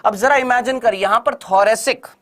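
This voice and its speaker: A male teacher gives an online exam-prep lecture. He repeats each question and answer in call-and-response drills and talks in a brisk, teasing way, pushing students to answer fast. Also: very high voice, a bit bright.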